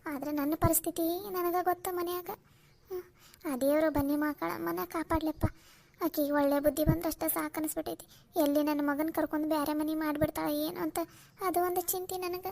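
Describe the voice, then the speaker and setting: A fretful older village mother-in-law, voiced by a woman with a North Karnataka Kannada accent, pouring out her worries in a plaintive way. Her voice sits high and thin. She sounds like a cartoon grandmother. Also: fairly even intonation, moderate pace, gravelly, a little mellow. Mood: worried. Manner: complaining, plaintive. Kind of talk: cartoon voice acting.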